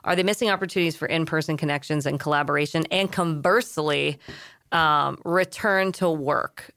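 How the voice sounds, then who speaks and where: Woman, 30s, HR podcast co-host; low-ish, smooth and resonant, plain-spoken. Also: a little fast, fairly bright tone. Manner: plain-spoken, moves the conversation along. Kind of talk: casual podcast chat.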